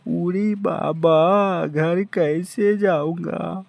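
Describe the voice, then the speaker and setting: A worried, sensible thin cartoon sidekick, voiced by a man in an amateur dub. His voice sits a little high, and he speaks slowly and keeps repeating his cautions. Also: steady tone, gravelly, a little mellow, no echo, full character voice. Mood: warning. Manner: repeating warnings.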